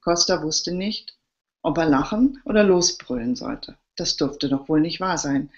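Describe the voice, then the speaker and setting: A woman, the author, reading her crime novel aloud live in a steady narrating voice. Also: fairly low pitch, a little slow, gravelly, muffled recording.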